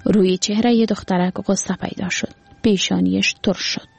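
A woman with an Afghan Dari accent narrating a story calmly and evenly. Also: mid-range voice, gravelly, slightly rough, dry recording.

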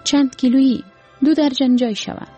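A woman's voice: sits high, fairly even intonation, lo-fi sound, faint music behind, voice pushed up, lightly acted. A woman voicing a poor old male banana seller who speaks patiently, with an Afghan Dari accent. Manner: patient, gently instructive.

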